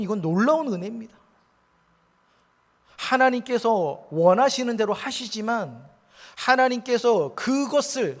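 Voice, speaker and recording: A male pastor preaches in a high, bright voice. He delivers an earnest sermon that swings from hushed near-whispers to emphatic rises. His voice rings with the long reverb of a church hall. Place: church sanctuary.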